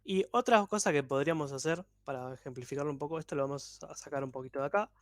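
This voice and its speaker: Over a video call, a man teaches code in an online workshop, explaining things patiently, step by step. His voice is a little high and he talks fast, on a dry recording.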